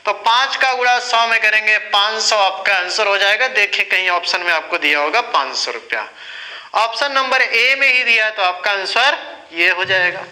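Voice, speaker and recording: A man's voice: sits high, expressive, normal speed, pushed and bright, echoey room, low-quality recording. A man teaching a maths lesson, patient and asking and answering his own questions as he talks students through sums. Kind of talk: classroom lesson explaining sums.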